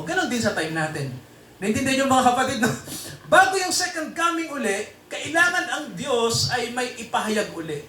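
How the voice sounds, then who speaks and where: A man's voice: very high-pitched, sharp tone, recorded from a distance, a little hiss or hum. A man preaching a sermon in a church hall and quizzing the congregation with repeated tag questions, then leading them in prayer. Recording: echoey room, voice from off-mic, faint ambience.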